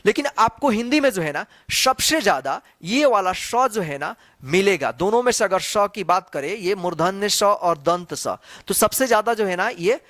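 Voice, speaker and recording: A man's voice: sits high, animated, normal speed, few pauses, a bit bright, no room sound. A man teaching the Hindi alphabet, asking question after question and repeating each sound to demonstrate it. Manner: repetitive, quizzing. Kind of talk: slow classroom explanation.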